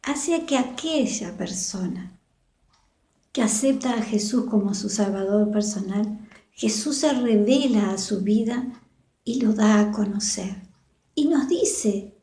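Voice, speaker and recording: Argentine lady teaching bible class, slow and mellow, echoey room. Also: medium pitch. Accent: Rioplatense Spanish. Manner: slow and earnest, acts out the quoted dialogue. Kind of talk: Bible school lesson over the internet.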